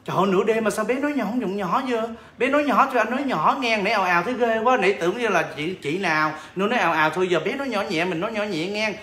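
A man hosting a lively sales livestream, playful and laughing often as he teases callers. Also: high-pitched, rapid-fire, hardly any pauses, roomy sound. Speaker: livestream seller and host. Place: home, in Chicago.

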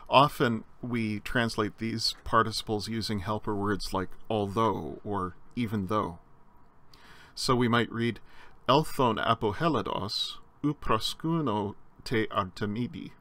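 A man's voice: lowish voice, unhurried, sharp tone. A man giving a recorded slide lecture on Greek grammar, explaining step by step with frequent fillers and restarts.

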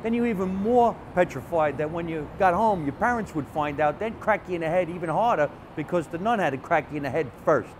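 Chatty New comedian, fairly high voice. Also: male voice, a little fast, hardly any pauses, slight background noise. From Jersey City, New Jersey. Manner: animated, chatty storyteller with frequent restarts. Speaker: comedian, guest. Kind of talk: casual storytelling interview.

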